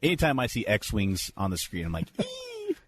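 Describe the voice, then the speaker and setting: A man's voice: on the low side, sing-song, a little fast, fairly bright tone, breathy edge. A man co-hosting a casual podcast chat, enthusiastic and building his points in lists. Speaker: podcast co-host.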